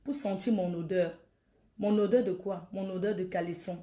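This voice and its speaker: A woman's voice: medium pitch, fairly even intonation, moderate pace, dark tone. A woman, ranting defiantly and taunting her critics on a Facebook live video. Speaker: social media livestreamer.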